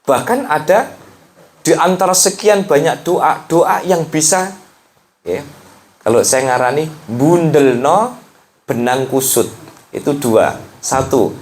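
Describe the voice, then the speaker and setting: A man with a Central Javanese accent giving a casual sermon at a home study gathering. He jokes with the audience and chants Arabic prayers slowly. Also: on the high side, expressive, darkish tone. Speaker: ustadz teaching a weekly religious study.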